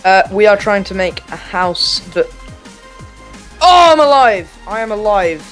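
A man's voice: high voice, steady tone, moderate pace, fairly bright tone, soft background music. A young man making casual, playful conversation as a co-op partner in a video game. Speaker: co-op gaming partner. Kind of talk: casual game chat commentary.

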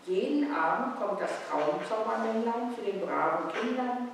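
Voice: mid-range voice, animated, moderate pace, vocal fry, a little hiss or hum, voice pushed up. A reader voicing a tired, loving mother who coaxes her son to sleep. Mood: coaxing. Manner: soft, coaxing. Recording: echoey hall from far off.

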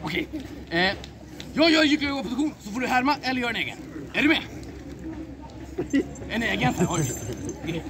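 A woman playfully leading a game outdoors, calling out loudly to a cheering audience. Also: on the high side, long pauses. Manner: animated, calls out loudly to the audience. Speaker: game leader. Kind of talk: playful game hosting for a crowd. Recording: loud crowd and street noise.

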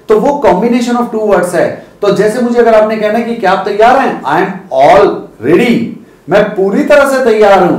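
A male teacher runs a vocabulary lesson with a fairly high voice. He explains in Hindi and slows right down to sound out each English example. The sound carries a clear echo from the room.

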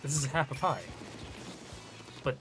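A young man chatting casually on a stream while playing a game, rambling and relaxed with many fillers. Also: mid-range voice, unhurried. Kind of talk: casual chat while gaming. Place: home gaming setup. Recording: game music behind voice.

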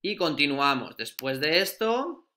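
A male primary school teacher giving a phonics lesson, slowly sounding out and repeating letter sounds. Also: a little high, very animated, bright, forceful tone.

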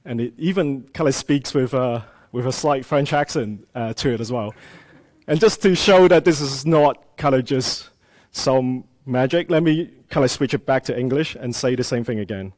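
Here a native Cantonese-speaking man from Hong Kong gives a live tech talk to developers, walking through his slides. His mid-range voice moves at normal speed and sounds a little mellow, and his casual delivery leans heavily on "um" and "uh."

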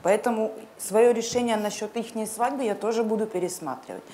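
Fast-talking indignant mother. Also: on the high side, warm tone, a little hiss or hum. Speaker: guest, mother of the bride. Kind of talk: emotional talk show dispute.

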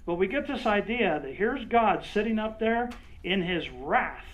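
A high-voiced male pastor delivers a loose, conversational sermon. He draws on people in the room by name and keeps checking in with "right?". The recording is dull and lo-fi. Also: expressive, a little slow, fairly bright tone. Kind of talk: sermon with acted-out role-play.

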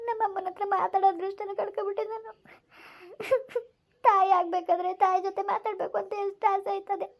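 Actress playing a tearful pleading young wife, very high pitch, monotone, village skit. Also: female voice, dull audio. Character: tearful young pregnant wife missing her mother.

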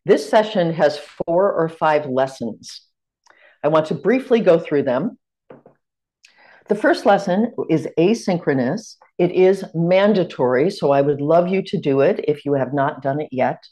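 Her voice is deep and mellow with lively intonation as this middle-aged American woman hosts a teaching workshop on a video call from a room at home. She keeps a measured, welcoming delivery that feels like an online lecture.

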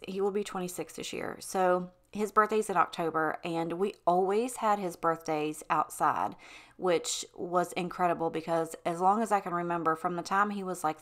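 A woman talks in a loose, rambling way, full of ums, likes and restarts. Her voice sits a little low for a woman, and she chats as if to a friend over her cleaning footage. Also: fairly bright tone. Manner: chatty, rambling, self-interrupting with ums and likes. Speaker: cleaning vlogger.

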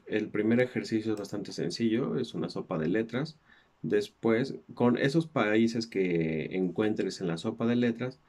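A man's voice: fairly low pitch, darkish tone. A man with a Mexican Spanish accent, a native Spanish speaker, patiently explaining English textbook exercises with fillers like "este" and "ajá". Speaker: English teacher.

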